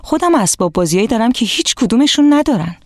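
A woman's voice: a little high, sing-song, no room sound, clean studio sound, voice pushed up. A woman voicing a proud, spoiled young boy in a children's story, boastful and sulky. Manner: sulky and boastful at first, then softer.

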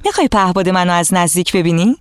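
A woman's voice: on the low side, lively intonation, no room sound, studio quality, close to an everyday voice. A woman voicing a friendly, cheerful boy inviting another child to play in a children's story. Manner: warm and welcoming.

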